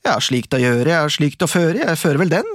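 A storyteller voicing a cheerful young lad in a folk tale, calling out high and excited in sing-song. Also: no echo, clean studio sound. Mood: content. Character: cheerful young male hero, proud of his finds. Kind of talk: storybook reading.

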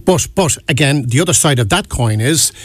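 A man hosting a radio discussion, measured and often repeating his opening words. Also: mid-range voice, animated. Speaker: radio interviewer.

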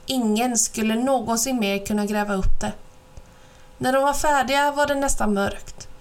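Woman reading a children's storybook. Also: on the high side. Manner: calm, clear, measured.

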